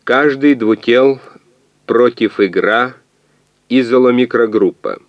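Monotone halting calculator machine, read by a man. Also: medium pitch, dry recording, highs cut off, pitched above the performer's own voice. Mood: flat, halting. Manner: monotone, clipped word-by-word delivery. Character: translating calculator machine speaking in halting fragments. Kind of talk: audiobook reading.

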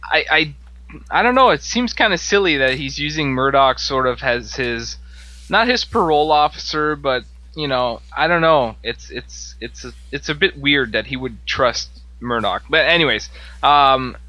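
A man's voice: mid-range voice, lively intonation, normal speed, pushed and bright, dry recording, lo-fi sound. A man co-hosting a podcast, reviewing a comic in a hesitant way with many restarts. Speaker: podcast co-host. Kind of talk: casual comic book discussion.

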